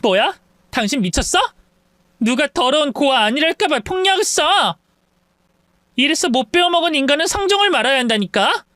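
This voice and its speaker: A man's voice: very high-pitched, lively intonation, moderate pace, a bit bright, smooth, no echo, studio quality, voice pushed up. A man voicing a spiteful, scheming young sister-in-law in a story read-aloud, sneering and mock-sweet. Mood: shrill fury. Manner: sneering, mock-sweet, whiny when feigning tears.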